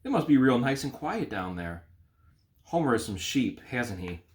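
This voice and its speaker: A man's voice: medium pitch, big pitch swings, normal speed, a little mellow, natural voice. Man playing a musing, reassuring village doctor. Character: thoughtful, unworried bearded village doctor.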